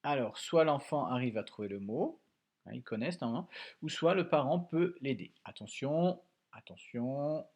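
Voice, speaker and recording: A man teaching young children a dictation lesson at home, slowly and patiently spelling out syllables and sounds. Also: medium pitch, lively intonation, darkish tone. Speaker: primary school teacher.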